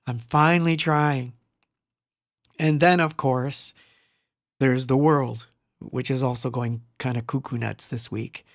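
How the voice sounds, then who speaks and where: Speaking slowly with frequent pauses, a middle-aged Argentine host keeps a steady, medium-pitched tone during his casual home-studio livestream. He rambles, laughs often and names chat viewers as he greets them, and the recording is dry and studio quality.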